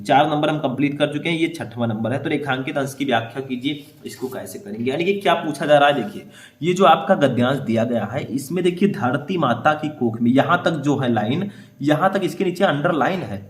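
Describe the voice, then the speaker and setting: A man teaching how to write board exam answers. He explains step by step, checks in often with short confirmations, and reads passages aloud slowly. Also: on the high side, animated, reverberant. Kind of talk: board exam writing lesson.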